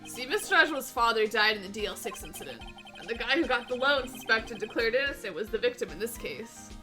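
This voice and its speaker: A woman reading the lines of a gruff, loyal male police detective aloud while playing a game, with a folksy habit of calling everyone pal. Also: fairly high pitch, expressive, quick pace, over music, natural voice.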